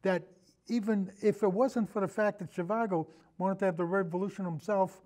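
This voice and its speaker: An older man with a notably high-pitched, mellow and relaxed voice appears as a podcast guest in a casual film discussion. A longtime radio show host, he rambles and halts as he talks, trailing off into et cetera.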